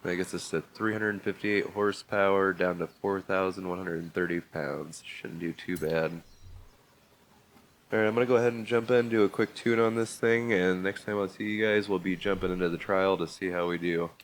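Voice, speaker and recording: Walking through a vehicle build in a racing game, a host speaks in a low, steady voice at a moderate pace. A bad cold leaves him congested, but his casual commentary stays easygoing and methodical, with fillers scattered throughout.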